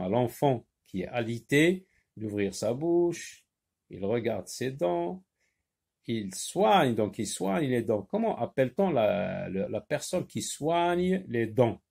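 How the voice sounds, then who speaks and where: This man holds his phone to record a phonics lesson for young children, going slowly and deliberately and saying each word again to bring out its sounds. His voice is medium in pitch, creaky, husky, and a little mellow.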